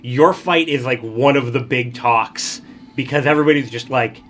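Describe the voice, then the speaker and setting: A man's voice: medium pitch, normal speed, a bit bright, slight background noise. Man casually narrating a tabletop game. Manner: casual, conversational storytelling. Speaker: game master.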